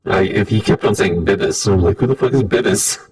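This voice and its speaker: A man's voice: on the low side, a little fast. A man running a roleplay game as game master, talking through a voice changer, casual, joking and swearing. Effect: voice changer altering his voice. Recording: distant mic with loud music.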